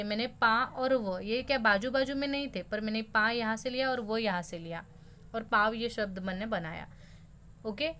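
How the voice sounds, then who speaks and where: A young woman teaching a school lesson in a patient, step-by-step way, often dropping in English words. Her voice sits a little high. Faint noise hums behind her. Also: a bit bright.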